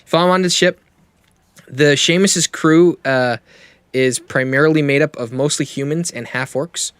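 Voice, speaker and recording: Relaxed man running a tabletop game. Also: a little high, moderate pace, clear, resonant tone, no room sound. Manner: relaxed, loose, with many fillers. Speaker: game master.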